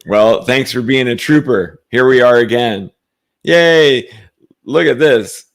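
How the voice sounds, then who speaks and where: A man's voice: medium pitch, takes it slowly. A man co-hosting a casual spiritual talk show, chatting playfully and laughing often. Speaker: podcast co-host. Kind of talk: casual chat. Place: traveling, currently in a temporary location.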